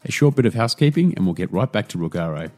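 A man hosting a podcast interview, upbeat and quick to laugh. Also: on the low side, very animated, darkish tone. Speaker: podcast host.

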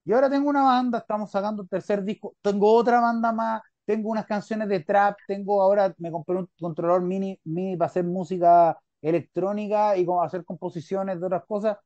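Rambling Chilean man, dark muffled voice. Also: high-pitched, steady tone, a little fast, few pauses, no echo. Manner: rambling, keeps checking in with the listener. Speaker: podcast host. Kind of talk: casual interview chat.

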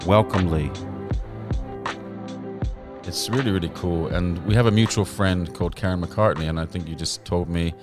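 A man's voice: deep voice, fairly even intonation, moderate pace, pauses often, music in the background. A man hosting a design podcast, chatting with a guest in a rambling, self-interrupting way. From England. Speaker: podcast host.

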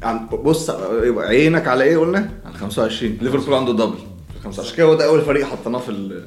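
A man's voice: medium pitch, lively intonation, very fast, a little mellow, echoey room, faint music behind. A man with an Egyptian accent hosting a casual chat, joking and playful. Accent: Egyptian Arabic. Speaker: host.

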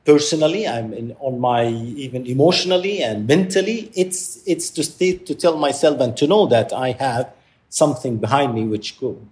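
Halting, soft-spoken male interview guest. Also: mid-range voice. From Palestine. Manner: halting, searching for words, frequent restarts. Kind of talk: reflective interview talk.

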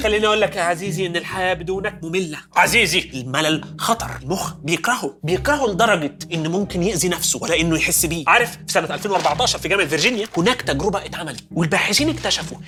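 A man's voice: high voice, bright, forceful tone. A man with an Egyptian accent hosts a comedic science show. He narrates playfully and keeps turning to the viewer as "dear". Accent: Egyptian Arabic. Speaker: host.

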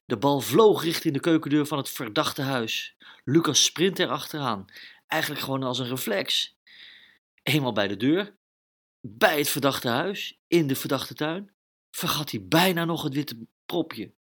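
A man narrating a children's audio story in episodes, lively and dramatic with sound effects of his own. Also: a little high, measured pace, slightly rough.

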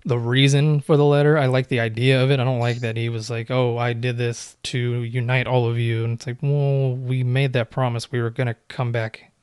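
A man in casual chat, telling his view in a relaxed, measured way. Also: medium pitch, clear, resonant tone, dry recording, studio quality. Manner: relaxed, measured storytelling with small restarts.

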